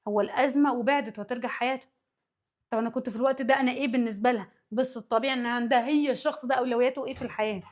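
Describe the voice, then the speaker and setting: A woman with an Egyptian accent teaches psychology at a rapid clip, in a slightly high voice. She works through examples one by one and keeps pausing to ask whether her listeners are following. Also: fairly even intonation. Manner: often checks that listeners follow; walks through worked examples. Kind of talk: spoken lesson.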